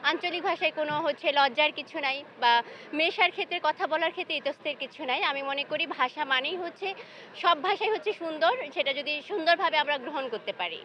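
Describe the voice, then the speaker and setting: A woman answering a street interviewer at a fair in a thoughtful, slightly halting way. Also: high-pitched, expressive, bright, forceful tone. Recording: muffled outdoor recording with light noise.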